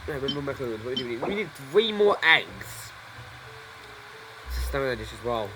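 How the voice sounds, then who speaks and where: A young man casually commenting on his gameplay, rambling and excitable, swearing often. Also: mid-range voice, brisk, noisy background. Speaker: gaming YouTuber. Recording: voice over loud game music.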